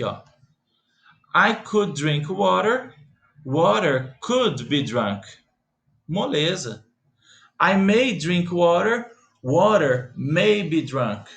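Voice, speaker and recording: A Brazilian man with a Brazilian Portuguese accent speaks in a fairly high, fairly bright voice. He gives a slow grammar lesson explaining English to Portuguese speakers, patiently repeating himself and often checking in with the listener.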